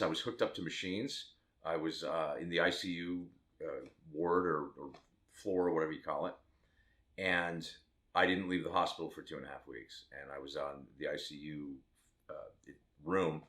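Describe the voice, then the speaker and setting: Low-voiced candid man in his fifties. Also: moderate pace, a bit bright. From Las Vegas, Nevada, USA. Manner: candid, rambling, with self-mocking asides. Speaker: tattoo artist. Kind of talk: personal storytelling to camera.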